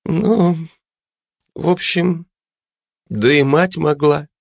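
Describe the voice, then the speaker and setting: A man's voice: on the high side, fairly even intonation, extremely slow, gravelly, dry recording, clean studio sound, voice pushed up, full character voice. A man voicing a drunk, frightened man who whines, pleads and slurs his words. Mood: drunk mumbling. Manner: whiny, slurred, self-pitying.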